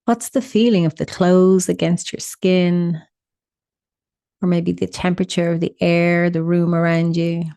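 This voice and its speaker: Guiding a meditation, a woman speaks in a soft, mellow voice pitched slightly low, offering simple, soothing instructions separated by deliberate pauses. Her tone stays level and smooth, and the close, dry recording carries no room sound.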